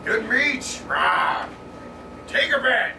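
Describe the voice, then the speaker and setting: A man's voice: very high-pitched, very animated, drawn-out words, gravelly, voice pushed up, exaggerated voice. A man voicing a crude, hospitable orc in a dopey cartoon bellow during a tabletop game. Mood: boisterous. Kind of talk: tabletop role-play. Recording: roomy, distant mic, loud background hum.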